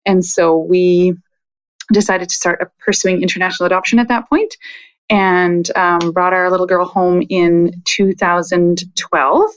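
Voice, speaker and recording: Lower-voiced woman guest on dull, dry audio. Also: steady tone, unhurried, no room sound. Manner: reflective, with frequent fillers. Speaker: podcast guest. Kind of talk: casual interview talk.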